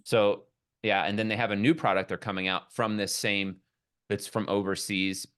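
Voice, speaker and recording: A man's voice: lowish voice, flat delivery, normal speed, fairly bright tone, clean tone. A man talking as a podcast guest, telling long rambling stories with enthusiasm in a casual conversation.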